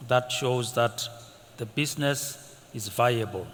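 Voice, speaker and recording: A man on a conference panel, explaining funding steps in a steady, methodical way. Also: mid-range voice, slow. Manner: steady, methodical, lists points in order. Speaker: government incentives manager on a panel. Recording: echoey conference hall, faint noise.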